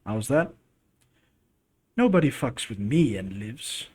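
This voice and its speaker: A man's voice: medium pitch, very animated, slow pace, dark tone, breathy edge, pitched below the performer's own voice, heavily acted. Grim young viking chief, read by a man. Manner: grim, blunt. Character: young hard-bitten male viking chieftain.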